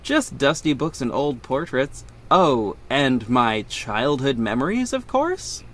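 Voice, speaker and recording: In first-person audio drama narration and dialogue, a man voices a wealthy orphaned young hero. His medium-pitched, fairly bright voice is very animated yet slow, and the character comes across as guarded and earnest, with dry sarcasm and a defensive edge.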